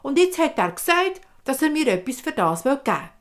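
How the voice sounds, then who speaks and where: A woman's voice: high voice, very animated, fairly quick, pitched above the performer's own voice. A woman voicing a brave young boy in a fairy tale, talking earnestly, with a Swiss German accent.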